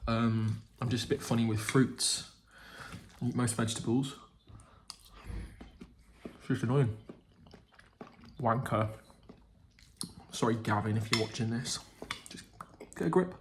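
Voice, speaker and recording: A man's voice: mid-range voice, a little slow, pauses often, a little hiss or hum. A man, chatting casually into a handheld phone, rambling and restarting his sentences. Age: 20s. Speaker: vlogger. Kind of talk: casual vlog. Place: house and garden at his grandparents'.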